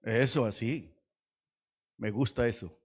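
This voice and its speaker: A man preaching a lively Pentecostal sermon in church, swinging from hushed asides to shouts and quizzing the congregation. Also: mid-range voice, takes it slowly, husky. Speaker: pastor.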